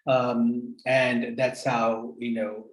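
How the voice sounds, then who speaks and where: A man's voice: medium pitch, flat delivery, extremely slow, reverberant, low-quality recording. A man who grew up in Sri Lanka, giving an earnest, hesitant panel talk over a video call. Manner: earnest, hesitant with many fillers. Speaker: panel speaker.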